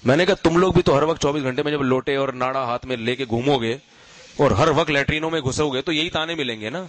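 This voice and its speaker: A middle-aged man giving a Friday sermon, telling stories with rhetorical questions and humorous asides, and getting loud and emphatic when he scolds. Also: mid-range voice, no echo, poor audio. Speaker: preacher.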